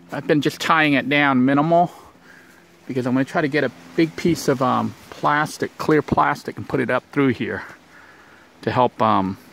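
Out in the brush, a man vlogs on a handheld camera while building a shelter, rambling and thinking aloud with lots of fillers. His medium-pitched voice has vocal fry and a slightly bright quality.

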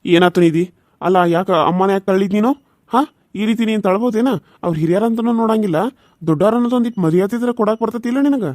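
A man voicing a stern, quick-tempered young husband in a cartoon serial, lecturing in a North Karnataka accent. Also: high voice, a little mellow, no echo, studio quality, close to an everyday voice. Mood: reproachful. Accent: North Karnataka Kannada. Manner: lecturing, reproachful. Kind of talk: Kannada cartoon serial voice acting.

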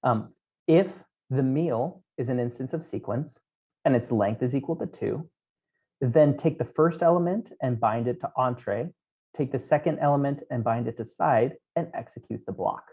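Warm in tone, medium in pitch and normal in speed, a man in his thirties gives a technical keynote, taking listeners through code step by step and saying um often. He's indoors in a small room at home wearing a headset. The remote talk audio is dull and lo-fi.

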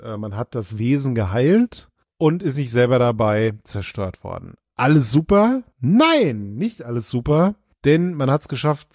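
A man's voice: mid-range voice, darkish tone, no room sound. Wry, dry-sounding male podcast co-host. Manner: playful, ironic asides with laughs. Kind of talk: casual chat recapping an episode.

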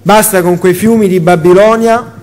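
A man's voice: high voice, fairly even intonation, moderate pace, darkish tone. An Italian man preaching a sermon in a church hall, in short impassioned phrases that rise as he goes. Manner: impassioned, rising preaching cadence.

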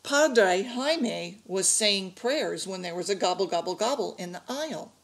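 A woman reading a picture book aloud to an adult learning class, slow and expressive. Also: mid-range voice, vocal fry.

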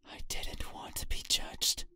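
A woman voicing an eerie night spirit that wants a person's eyes, speaking in a slow, cryptic, breathy whisper. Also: close to an everyday voice. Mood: menacing whisper.

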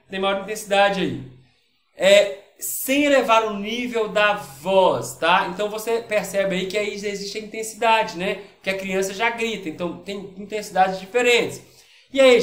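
Brazilian guy teaching physics online, kinda high voice, keeps asking the class if they're good, echoey room. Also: fairly bright tone. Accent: Brazilian Portuguese. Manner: casual and chummy, often checks in with the class. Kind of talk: online lesson, solving worksheet exercises.

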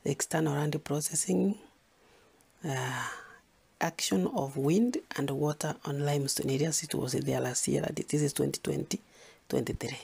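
A man's voice: on the high side, fairly even intonation, moderate pace, vocal fry, a little mellow, slightly rough. A man from Kenya giving an exam revision lesson, listing topics and repeating key points for emphasis. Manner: repetitive, emphatic, lists topics. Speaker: teacher.

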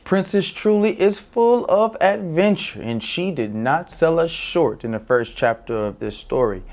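Wearing a lapel mic, a man in his thirties reads a story aloud to young children with an upbeat, smiling expression. His voice is mid-range and a little mellow.

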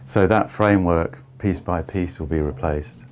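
Deep-voiced man explaining on a tour. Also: darkish tone, slight background noise. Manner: measured, explains step by step. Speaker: barge restorer giving a tour. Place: inside the wooden hold of an old sailing barge.

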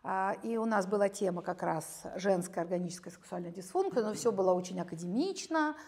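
Seated in a chair in a bright studio and wearing a lapel mic, a gynecologist in her late fifties speaks in a mid-range voice as a guest expert. Her conversational explanations of medical topics are measured and academic, with occasional bursts of lively storytelling.

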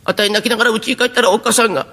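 A man's voice: sits high, steady tone, racing, creaky, bright, forceful tone, heavily acted. Man voicing a sweet eager little boy. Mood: innocent eager. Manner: eager, innocent, chatty. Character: earnest poor young boy, sweet and plain. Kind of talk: traditional rakugo storytelling.

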